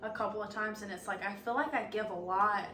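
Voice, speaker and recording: A woman's voice: mid-range voice, quick pace, distant mic, crowd noise. A young woman co-hosting a casual podcast chat, easygoing and chatty, who laughs often and leans on "like" fillers. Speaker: podcast co-host. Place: room with door open to rain. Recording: roomy echo, faint background noise.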